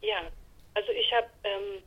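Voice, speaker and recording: A woman's voice: mid-range voice, level tone, pushed and bright. Hesitant woman on choppy speakerphone. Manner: halting, hesitant, searching for words. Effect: on speakerphone, choppy and muffled over a phone line. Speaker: caller seeking counsel. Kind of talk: personal consultation call. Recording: muffled lo-fi phone line.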